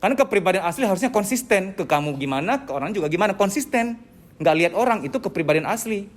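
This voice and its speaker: A man giving a psychology lecture at a training session, animated and acting out quoted speech, with joking asides. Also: high-pitched, fast.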